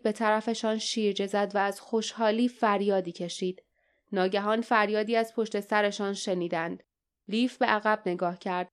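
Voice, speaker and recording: Woman reading an adventure audiobook, steady and dramatic, really smooth clear voice. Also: medium pitch. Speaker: audiobook narrator. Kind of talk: scripted narration.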